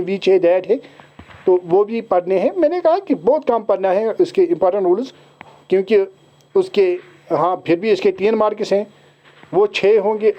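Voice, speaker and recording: High-voiced Kashmiri teacher, lo-fi sound. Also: male voice. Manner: switches into slow, deliberate English. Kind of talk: explaining an exam syllabus to students. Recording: dull lo-fi recording.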